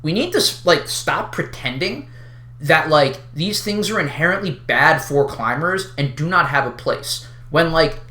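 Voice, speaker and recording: An online creator delivers an unhinged, unscripted rant in a sharp, forceful voice. The pitch swings widely with sarcastic, exasperated emphasis, and the casual, sweary delivery rings around an echoey room. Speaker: online video creator addressing a community.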